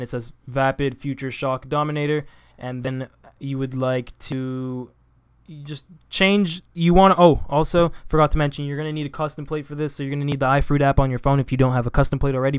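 A young man talks through a game tutorial in a loose, rambling way, stopping to correct himself and fill gaps. His voice comes across smooth and clean. The room sound is dry and close on a desk microphone. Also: a little high, dry recording. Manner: rambling, full of fillers and self-corrections. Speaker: gaming video creator. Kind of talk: casual game tutorial voice-over. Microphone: desk USB microphone.

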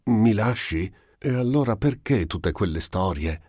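A man's voice: expressive, measured pace, a little mellow, husky, no room sound, studio quality. A man reading an audiobook, voicing a timid elderly scientist who protests fussily in a raised voice. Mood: protesting. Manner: fussy, pleading, higher put-on voice. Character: elderly male scientist, timid, gently irritable.

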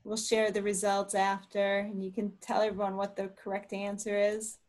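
A woman's voice: mid-range voice, monotone, moderate pace, a little mellow. A woman hosting an online talk on a video call, reading poll questions aloud and encouraging people to try. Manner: friendly, encouraging, reads poll options aloud. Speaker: webinar host.

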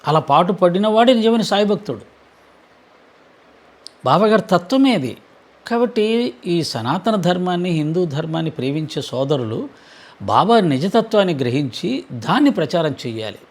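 A man giving an earnest devotional talk in a measured, preaching cadence with frequent pauses. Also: high-pitched, sing-song. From Andhra Pradesh. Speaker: Sai devotee speaker.

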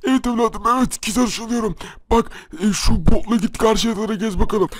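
A man's voice: high voice, a little fast, no room sound. A man putting on the voice of a kindly old man who plays guitar, speaking in a fatherly way. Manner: fatherly, calls the player "son".

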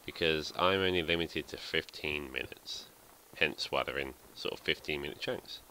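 A man's voice: a bass voice, normal speed, sharp tone, slight background noise. A man giving casual, rambling gameplay commentary as a let's play host, thinking aloud and poking fun at himself.

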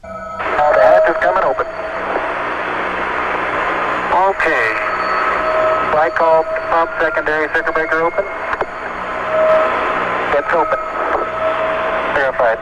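A calm astronaut talking over a crackly radio. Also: male voice, on the high side, slow pace, long pauses. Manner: clipped procedural callouts with hesitant fillers. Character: calm, steady male astronaut pilot. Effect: radio transmission, like a walkie-talkie. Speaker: astronaut pilot. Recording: muffled radio audio with loud static.

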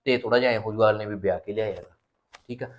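A man playing a fast-talking young husband. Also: on the low side, lightly acted. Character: cheeky young village husband.

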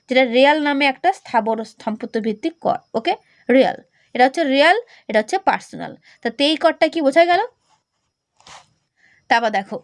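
Lady teacher, high voice, talks fast, keeps quizzing, dry close sound. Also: no echo. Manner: explains and then quizzes with repeated questions. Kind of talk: classroom lecture.

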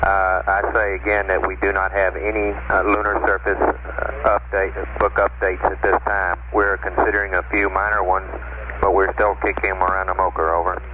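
A man's voice: deep voice, flat delivery, moderate pace. A man working as a mission-control communicator, speaking matter-of-fact procedural radio talk over a transmission. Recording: noisy, narrow-band archival space radio link. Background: loud radio static and noise.

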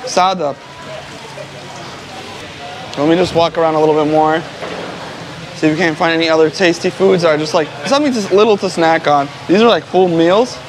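With long pauses and a moderate pace, a slightly high-pitched American man vlogs casually about local words and food. He's a travel vlogger on a busy city street, with traffic and street noise behind him.

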